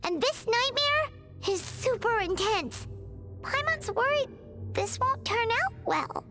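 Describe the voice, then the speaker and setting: A woman voicing a small, childlike fairy girl companion in a video game, squeaky, expressive and easily worried. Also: slow pace, over music, full character voice. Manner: speaks of herself in third person, expressive.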